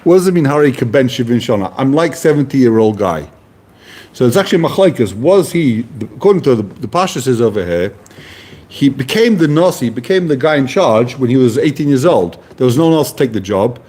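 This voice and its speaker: With a medium-pitched, slightly mellow voice, this man teaches Talmud informally. He breaks down Hebrew and Aramaic terms using everyday conversational English.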